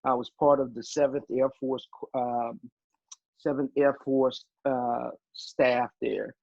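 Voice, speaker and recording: Halting retired army man, muffled sound. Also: mid-range voice, fairly even intonation, gravelly, no room sound. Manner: halting, many fillers and restarts. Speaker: guest, retired army officer. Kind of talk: casual interview storytelling.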